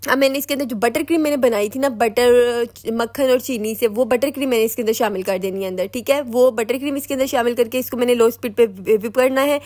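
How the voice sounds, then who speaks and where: A woman's voice: on the high side, fast, few pauses, darkish tone, no room sound. A young Pakistani woman with an Urdu accent, a home baker giving a chatty, instructive cooking tutorial voice-over. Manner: chatty, instructive, repeats "ठीक है".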